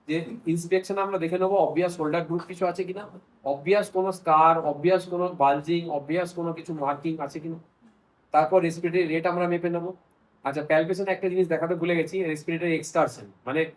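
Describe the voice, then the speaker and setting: A man's voice: high voice, low-quality recording. A man teaching children's medicine at a hospital bedside, explaining in a casual way and asking and answering his own questions. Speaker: paediatrics teacher.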